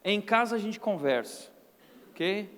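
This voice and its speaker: Man with a brazilian accent preaching, animated and funny, long church reverb. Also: high-pitched, measured pace. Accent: Brazilian Portuguese. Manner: humorous, animated storytelling. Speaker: pastor. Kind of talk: sermon.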